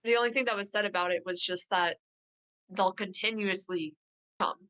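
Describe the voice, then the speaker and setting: Medium-pitched woman chatting at game table. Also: normal speed, pushed and bright. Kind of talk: casual chat.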